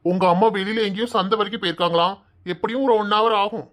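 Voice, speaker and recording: Cartoon role: a teasing, soft-spoken young village man with a Kanyakumari Tamil accent, a woman doing the voice. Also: medium pitch, fairly even intonation, lightly acted. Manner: teasing and coaxing, soft and drawn-out. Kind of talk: cartoon voice acting.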